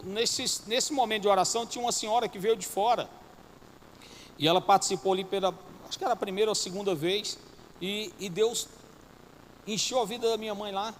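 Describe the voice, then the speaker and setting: A male pastor preaching a sermon, asking the congregation questions and pressing his points with emphasis. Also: high voice. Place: church hall. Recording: reverberant church hall, faint noise.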